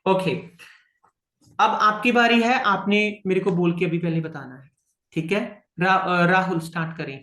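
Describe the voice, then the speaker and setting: Patient, slow-talking male language teacher. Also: high-pitched, sharp tone, echoey room. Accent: Indian. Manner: patient, repeats and checks understanding. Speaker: French teacher. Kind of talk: online French lesson.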